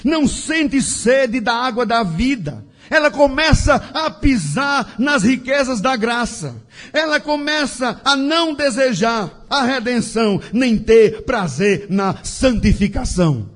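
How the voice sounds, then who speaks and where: A man with a very high voice delivers a sermon from the pulpit. He speaks slowly and deliberately, and his phrases rise and fall in a sing-song cadence. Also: expressive, fairly bright tone. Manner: slow, emphatic preaching with a sing-song cadence. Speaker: preacher.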